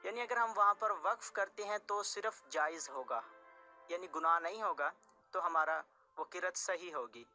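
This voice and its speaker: A teacher gives a tajweed lesson in a clear, bright voice. The delivery is patient and repetitive, and each rule is restated several ways. Faint music sits quietly under the talk. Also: mid-range voice, normal speed. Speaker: Quran recitation teacher.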